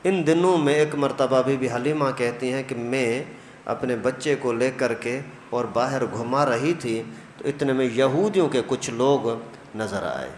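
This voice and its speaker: A man preaching a storytelling sermon who acts out the dialogue as he goes. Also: mid-range voice. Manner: animated, acts out quoted dialogue. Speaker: preacher, mufti. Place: mosque hall. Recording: echoey mosque hall, faint noise.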